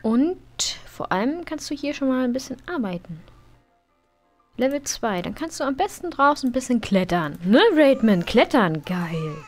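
A woman's voice: a little high, very animated, moderate pace, faint music behind. Chatty woman commenting a game. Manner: chatty, laughing, scolding the game characters. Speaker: let's play streamer. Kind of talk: casual gameplay commentary.

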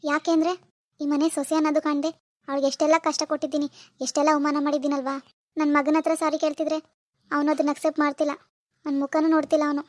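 A woman's voice: high-pitched, little pitch movement, fast talker, darkish tone, no echo, studio quality, close to an everyday voice. A woman as a pleading repentant mother-in-law. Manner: earnest, pleading, apologetic. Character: remorseful middle-aged mother-in-law, pleading. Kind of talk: homemade family drama skit.

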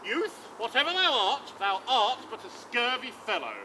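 A man's voice: extremely high pitch, very animated, moderate pace, full character voice. A man playing boisterous Sir Toby. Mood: mocking. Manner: loud, swaggering, theatrical. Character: boisterous, scheming old knight. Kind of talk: open-air stage acting. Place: outdoor stage. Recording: outdoor recording with traffic noise.

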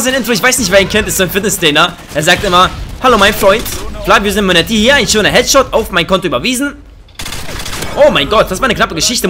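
Excitable young gamer, bright voice. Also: male voice, slight background noise. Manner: excitable, joking, bursts of high laughter. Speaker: gaming YouTuber. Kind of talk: let's play commentary. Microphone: headset mic. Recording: faint game gunfire behind.

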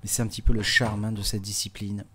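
A man's voice: on the low side, little pitch movement, fast, fairly bright tone, breathy edge. A man giving live bowling commentary, chatty and explanatory, with many small fillers. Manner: chatty, explanatory, with frequent hein and euh fillers.

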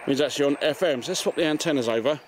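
Speaking rapid-fire in a mid-range voice, a fortysomething Englishman hosts an amateur radio video and casually walks through his gear. He's outside, in a garden and on a street, and the camera mic, held at arm's length or farther, picks up background noise.

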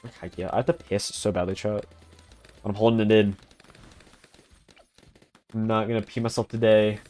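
A young man streams a co-op tower defense game live, his voice on the low side and darkish, with fairly even intonation and normal speed. He chats loosely with his chat and friends, rambling with lots of "like" and restarting sentences.

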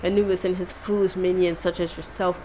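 A woman's voice: fairly low pitch, level tone, brisk, mellow, slight background noise, lightly acted, low-quality recording. A woman voicing an arrogant villain, reading his lines in a haughty, mocking way. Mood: gloating. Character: gloating, arrogant male villain. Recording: game music underneath.

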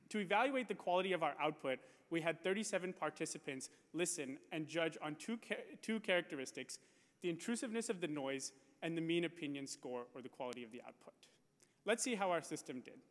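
A man with a fairly high voice delivers a prepared conference talk. He explains results in a clear, measured way. His voice carries a long reverb from the hall. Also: animated. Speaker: conference presenter.

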